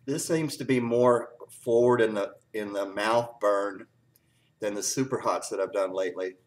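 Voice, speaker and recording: Teary from the spice, a man reviews hot peppers in a relaxed, casual way. He sits on the low side, stumbles along with plenty of fillers, and clears his throat again and again.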